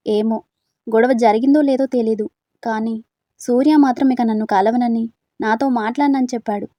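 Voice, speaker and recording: A woman's voice: a little high, fairly even intonation, normal speed, dark tone, dry recording, close to an everyday voice. A woman voicing a timid young woman student who speaks hesitantly and sadly about her confused feelings, in a storybook reading. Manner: hesitant and unsure.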